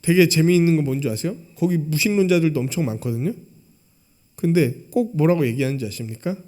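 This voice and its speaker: A man's voice: on the high side, fast talker. A male pastor preaching a sermon in a chatty way, often putting questions to the congregation and acting out quoted lines. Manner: conversational, asks the congregation questions; acts out quoted lines, dropping to a hush.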